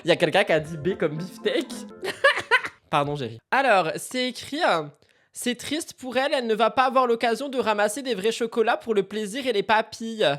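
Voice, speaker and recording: A man chats through a live stream in a casual, sarcastic way. He keeps slipping into loud, mock-outraged rants at the people watching. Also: sits high, a little fast, soft background music. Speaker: streamer reacting to celebrity news.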